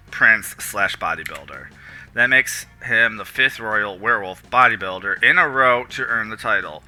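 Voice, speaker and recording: A man's voice: on the low side, sharp tone. Young man streamer reading a game aloud. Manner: playful, joking, switches into silly character voices. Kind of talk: reading a text game aloud with jokey voices.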